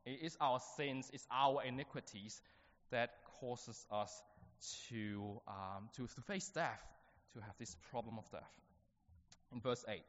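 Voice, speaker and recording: A man preaching a sermon to a church, talking haltingly with many fillers and restarts. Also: medium pitch. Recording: dull sound with long reverb.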